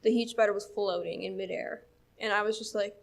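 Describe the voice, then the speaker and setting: A woman's voice: medium pitch, steady tone, a little fast, vocal fry. Chatty young woman with a Newfoundland accent. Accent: Newfoundland English. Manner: chatty, full of fillers and laughs. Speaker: church speaker. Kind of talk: casual storytelling talk.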